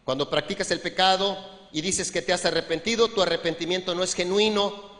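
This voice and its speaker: A man preaches a sermon in a high, bright voice, joking with the congregation and acting out little scenes as he goes. His words echo with long reverb through a church hall. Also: steady tone, brisk. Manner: conversational, humorous preaching with frequent asides to the congregation. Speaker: pastor.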